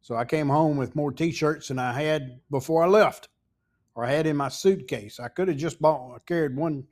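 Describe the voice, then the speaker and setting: A man in his sixties or older with a Tennessee accent, a podcast host telling a rambling, folksy story full of pauses and asides. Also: mid-range voice, a little mellow. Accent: Southern US, Tennessee. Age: 60s or older. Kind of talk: casual storytelling.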